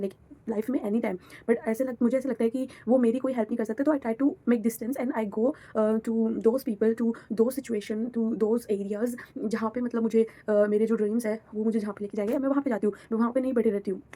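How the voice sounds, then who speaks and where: Frank young woman with a mellow voice. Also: on the high side. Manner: blunt, frank, switches between Hindi and English. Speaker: vlogger. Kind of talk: candid personal monologue.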